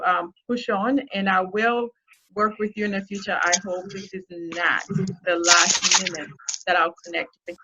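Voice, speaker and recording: A woman's voice: medium pitch, a bit bright, muffled recording. A woman guest speaker from Zambia giving an earnest, encouraging talk to a youth group. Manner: earnest, encouraging, with frequent restarts.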